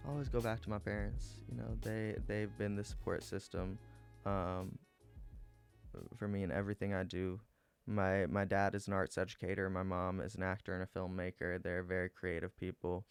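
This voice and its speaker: A man in his twenties, a school board candidate answering interview questions in an earnest, measured, policy-minded way. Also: deep voice, level tone, creaky, smooth, faint music behind. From Atlanta, Georgia. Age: 20s.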